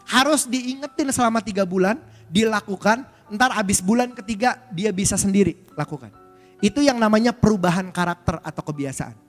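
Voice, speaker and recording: A man's voice: sits high, brisk. A male pastor preaching a conversational sermon, speaking directly to the congregation and using frequent filler tags. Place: church hall. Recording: church hall reverb with faint music.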